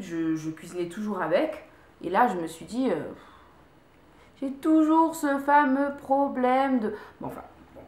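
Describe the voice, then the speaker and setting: Chatty woman reviewing products in an echoey room. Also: mid-range voice. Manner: chatty, repeats words, many fillers and restarts. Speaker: beauty vlogger. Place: room at home.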